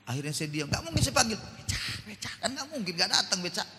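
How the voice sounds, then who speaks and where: Animated Batak-accented preacher in a hall. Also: male voice, high voice, fast talker, a little hiss or hum. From North Sumatra. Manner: animated preaching, swinging from quiet asides to loud exclamations. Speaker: pastor. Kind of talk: sermon. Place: church hall. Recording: reverberant church hall.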